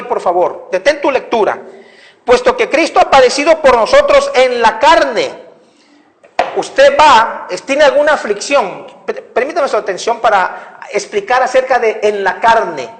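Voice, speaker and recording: A man's voice: extremely high pitch, a bit bright. A man preaching a sermon, emphatic, repeating his phrases and speaking directly to the congregation. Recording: echoey hall.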